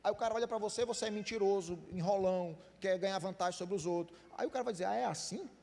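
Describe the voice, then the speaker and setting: A Brazilian pastor preaches a sermon in a fairly high voice. He questions the congregation directly and acts out little exchanges of dialogue. His voice trails off in a church hall with a long reverb. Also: fast talker, a little mellow. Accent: Brazilian Portuguese. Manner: conversational preaching with quoted dialogue.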